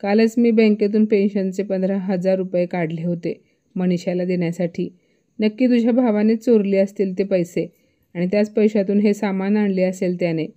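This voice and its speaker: A woman's voice: medium pitch, fairly even intonation, moderate pace, warm tone, muffled recording, natural voice. A woman doing a scolding suspicious mother-in-law. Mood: angry. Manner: accusing, scolding. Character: sharp-tongued suspicious older mother-in-law.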